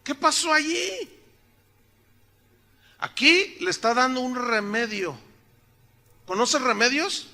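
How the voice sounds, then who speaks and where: An older pastor preaches in a high, bright voice, his throat a little sore. He keeps the sermon conversational and joking and asks his congregation one rhetorical question after another. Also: slow, long pauses. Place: church sanctuary.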